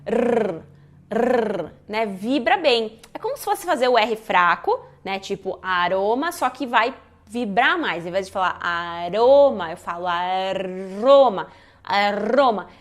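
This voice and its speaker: Woman, casual teacher, demonstrates sounds, fairly high voice. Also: normal speed. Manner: lively, demonstrates sounds, says "né?" often. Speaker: Spanish teacher. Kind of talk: casual pronunciation lesson.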